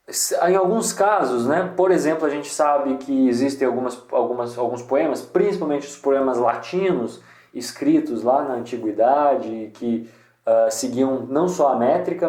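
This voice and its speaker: A man's voice: mid-range voice, measured pace, darkish tone, echoey room. A man giving a casual screen-share tutorial, thinking aloud with many restarts. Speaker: poetry channel host.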